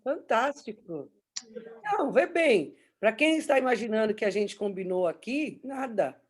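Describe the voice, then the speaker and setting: A woman pastor with a Brazilian Portuguese accent speaks to the congregation with enthusiasm. Her voice is fairly high and husky, and she is heard from off mic. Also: sing-song, a little slow. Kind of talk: leading a church service.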